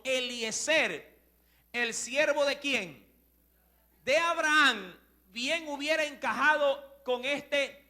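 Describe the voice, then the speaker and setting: A man preaching a sermon, explaining Greek words and asking his listeners rhetorical questions in a slow, deliberate way. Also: very high-pitched, bright, forceful tone. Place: church.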